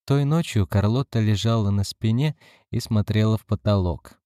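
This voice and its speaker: Give me a man with a low, mellow voice narrating an audiobook, calm and measured. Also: dry recording, studio quality.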